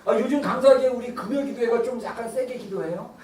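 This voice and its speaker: Woman pastor in her thirties, high voice, animated preaching, heard from afar in a church hall. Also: fast talker, a little hiss or hum. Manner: lively preaching, shouting out cries to God. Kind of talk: sermon. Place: church sanctuary. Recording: roomy church hall from far off.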